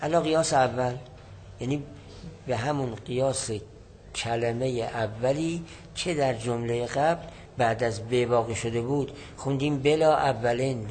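A man's voice: mid-range voice, darkish tone, slight background noise, rough recording. A man teaching a lesson, reading a classical text and explaining it line by line, repeating and rephrasing points. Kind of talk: lecturing on a classical Arabic text.

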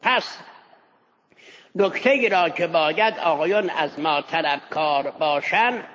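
Cleric teaching law in a hall. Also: male voice, a little high, a bit bright, a little hiss or hum. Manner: explains step by step, repeats key points, Arabic legal phrases. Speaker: seminary teacher. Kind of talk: Islamic jurisprudence lecture. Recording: muffled reverberant hall recording.

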